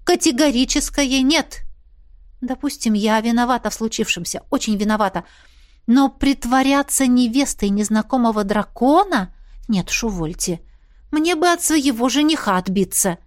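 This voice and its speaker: A woman voices a flustered, indignant young female healer who exclaims her protests. She speaks at normal speed with lively intonation, her fairly high pitch sitting above her natural voice yet still close to everyday speech.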